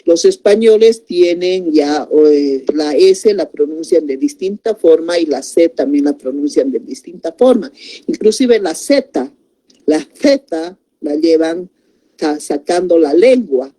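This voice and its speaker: Woman teacher, unhurried, explanatory, deep mellow timbre. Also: animated. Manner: slow and explanatory, repeats words, many tag questions. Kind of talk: spelling lesson.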